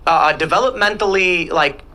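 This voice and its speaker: A man giving earnest, explanatory commentary in a conversational panel-talk style, pausing to find words. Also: high-pitched, pushed and bright.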